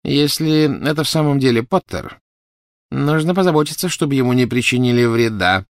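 A man's voice: medium pitch, normal speed, clean tone, no room sound, pitched above the performer's own voice, lightly acted. A fierce, half-mad witch barks orders in a raised, strained voice, done by a man narrating. The storybook reading is dry and close. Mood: commanding. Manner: hissing, commanding, rising to shrieks. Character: shrill, frantic, cruel witch woman.

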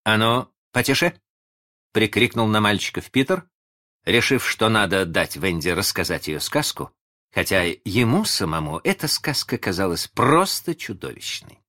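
A man narrating a children's audiobook in an expressive storytelling manner. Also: fairly low pitch, normal speed. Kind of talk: scripted narration of a children's book.

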